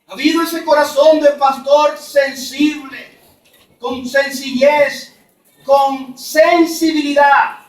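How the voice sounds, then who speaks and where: A man from Mexico preaching a sermon at a church conference, emphatic, then dropping to soft low asides. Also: steady tone, takes it slowly. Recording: roomy echo, from far off.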